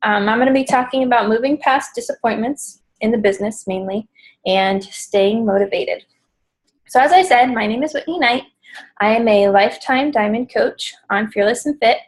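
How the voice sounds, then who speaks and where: A woman's voice: a little high, normal speed, poor audio. A pregnant woman in her thirties, a little out of breath, talking casually with many ums as she leads a pre-recorded team coaching call from home. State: slightly out of breath.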